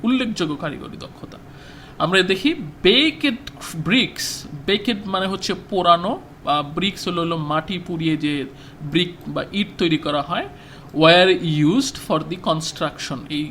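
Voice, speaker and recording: A man's voice: a little high, fairly bright tone, a little hiss or hum. Bangladeshi male teacher explaining a text. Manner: reads English lines slowly, then explains in Bengali with rhetorical questions. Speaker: English teacher. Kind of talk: classroom lesson explaining a textbook.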